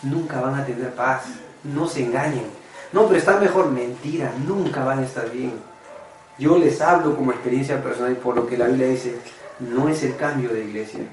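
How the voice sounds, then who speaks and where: A man's voice: mid-range voice, fairly even intonation, moderate pace, roomy sound, distant mic, rough recording. A man preaching a personal testimony sermon, earnest and confessional, often calling his listeners brothers. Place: church meeting room.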